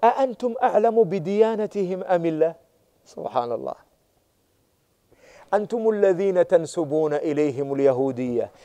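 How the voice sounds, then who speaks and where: A man's voice: sits high, mellow. A man teaching a class on Quranic exegesis, repeating key words and often checking that students follow. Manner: checks understanding with rhetorical questions, stresses and repeats key words.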